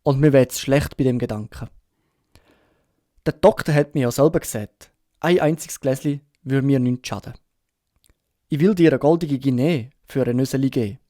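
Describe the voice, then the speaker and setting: A Swiss German man voicing a sick, gruff old sea captain in an audiobook, urgent and pleading in rough sailor talk. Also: medium pitch, moderate pace, long pauses, dark tone, no room sound, studio quality, natural voice. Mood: fearful, pleading. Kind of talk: audiobook character reading.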